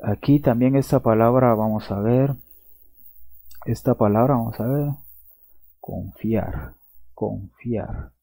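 A man's voice: mid-range voice, slow, gravelly, pauses often, warm tone, no echo. A man preaching a sermon in an earnest way, repeating himself and checking in with his listeners as he goes. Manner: earnest, repeats himself, tags lines with a questioning aside. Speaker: pastor. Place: church or teaching setting with slides.

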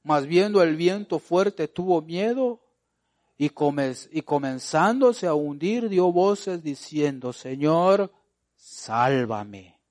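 A man delivers a sermon, peppering the congregation with rhetorical questions and alternating between loud exhortation and quiet, stretched-out asides. His voice sits on the high side and is expressive.

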